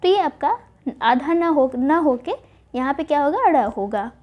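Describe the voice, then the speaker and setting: A woman teaching Hindi spelling for exam prep, spelling words out slowly and answering her own questions. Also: high voice, expressive, highs cut off. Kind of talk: online exam-prep lesson.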